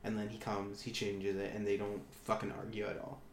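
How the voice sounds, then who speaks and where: Guy with a lowish voice just chatting, acts out quotes, swears a lot, echoey room with faint hum. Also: fairly quick. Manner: animated storytelling, acts out quotes, swears freely. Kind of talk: casual chat.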